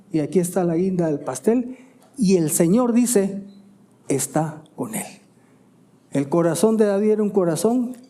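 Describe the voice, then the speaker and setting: A male pastor preaching a sermon, asking emphatic questions and answering them quietly, often adding "¿verdad?". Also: sits high. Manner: stops to self-correct and ask "¿verdad?".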